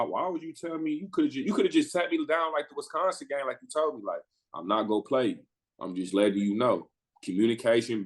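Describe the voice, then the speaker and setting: A man's voice: mid-range voice, low-quality recording. A man in his twenties from the Midwest US, a podcast guest telling his story in loose, slangy talk and acting out what people said. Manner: animated, slangy storyteller who acts out quoted people. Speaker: podcast guest, pro basketball player. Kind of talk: casual storytelling interview.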